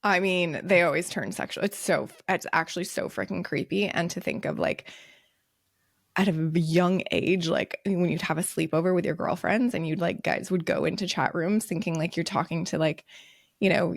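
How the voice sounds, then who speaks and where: A woman in her late thirties co-hosting a podcast, chatting casually with lots of fillers and quick laughs. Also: on the low side, gravelly, no room sound, studio quality. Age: 30s. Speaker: podcast co-host. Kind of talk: casual chat.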